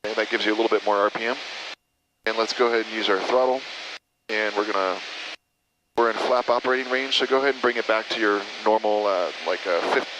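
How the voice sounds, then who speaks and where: A man's voice: lowish voice, fast talker. An American man giving patient, encouraging hands-on flight instruction, often repeating his instructions. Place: inside a small airplane in flight. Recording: noisy small-plane cockpit intercom. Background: engine noise, radio chatter.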